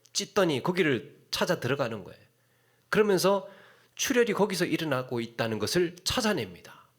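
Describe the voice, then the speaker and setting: A middle-aged man preaching a sermon as a pastor, telling a story with sudden hushed drops and sharp rises for emphasis. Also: a little high.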